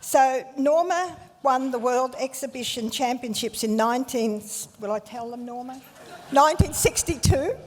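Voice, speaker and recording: A woman's voice: high-pitched, normal speed, a little hiss or hum. A woman co-hosting a live dance event, introducing a judge with personal asides. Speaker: event co-host. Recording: echoey hall sound.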